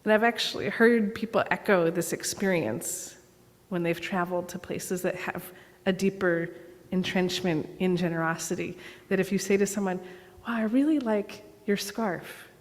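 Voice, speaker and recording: A woman giving a sermon as guest preacher, telling stories and acting out dialogue in an animated way. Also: on the low side, normal speed. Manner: animated storyteller, acts out dialogue. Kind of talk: sermon with storytelling. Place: church sanctuary. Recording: long church reverb.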